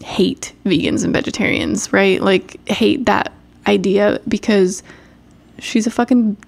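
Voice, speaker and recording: Woman host, chatty recap, rambling with fillers and laughs, mid pitch. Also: a little slow, creaky. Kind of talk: casual chat.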